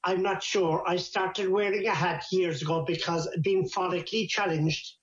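An older man with an Irish accent, a traditional storyteller with a lilting, unhurried delivery and dry wit. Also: high-pitched, fairly even intonation. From Ireland. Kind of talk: storytelling in conversation. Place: at home, over a video call. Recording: echoey, dull video-call audio.

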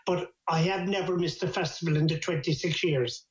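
An older man with an Irish accent, a traditional storyteller with a lilting, unhurried delivery and dry wit. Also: on the high side, fairly even intonation. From Ireland. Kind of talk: storytelling in conversation. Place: at home, over a video call. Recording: echoey, dull video-call audio.

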